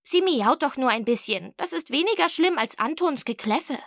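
A woman's voice: sits high, animated, moderate pace, fairly bright tone, dry recording, clean studio sound, pitched above the performer's own voice. A woman doing an eager schoolgirl with braces. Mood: easygoing. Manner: slightly mumbly, eager. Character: chatty young schoolgirl with braces.

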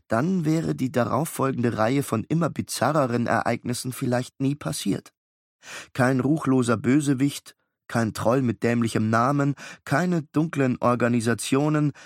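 A man narrating a children's audiobook in a calm, even storytelling manner. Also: mid-range voice, no room sound, clean studio sound.

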